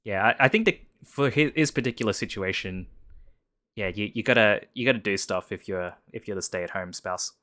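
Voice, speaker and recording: A man's voice: lowish voice, a little fast, pushed and bright. A man hosting a casual live stream chat, often repeating and restarting his words as he talks. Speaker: stream host.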